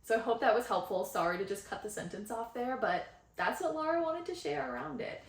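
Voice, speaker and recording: A woman's voice: a little high, sing-song, a little fast, reverberant. A young adult woman hosting a spiritual podcast, talking earnestly and meanderingly, often tagging lines with "right?", recorded on a phone. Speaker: podcast host and channeler.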